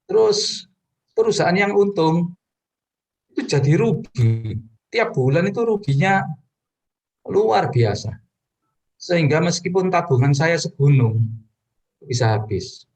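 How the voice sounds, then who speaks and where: A man preaches his personal testimony to a congregation, addressing them directly as he earnestly tells his story. His voice is expressive and a little mellow, a little slow with frequent pauses, and his pitch rises suddenly at points.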